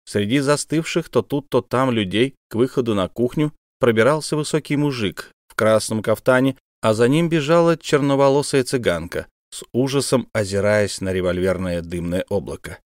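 A man reading an audiobook in a dramatic, measured narration. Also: medium pitch, no room sound, clean studio sound. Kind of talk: scripted narration.

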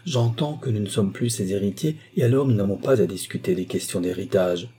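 Guy reading a proud young man, firm and earnest, dark husky voice. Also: on the low side, a little fast.

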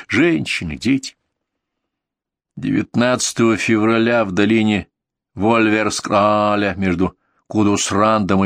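A man reading a historical war novel aloud as an audiobook narrator, in a measured, steady storytelling manner. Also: fairly low pitch, no echo, clean studio sound. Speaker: audiobook reader. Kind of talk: scripted narration of historical prose.

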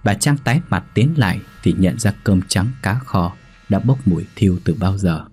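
A man narrating a horror story in a measured, suspenseful way. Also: low-pitched, animated, husky. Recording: soft background music.

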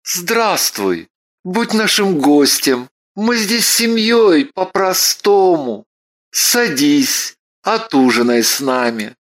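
A woman's voice: fairly low pitch, animated, slow. A woman voicing a hospitable male lord welcoming guests in a storybook reading.

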